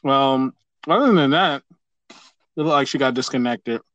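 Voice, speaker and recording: A man's voice: mid-range voice, a little slow, fairly bright tone, dry recording. Rambling male podcast host, dull lo-fi sound. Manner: loose, rambling, with fillers. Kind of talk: casual podcast chat.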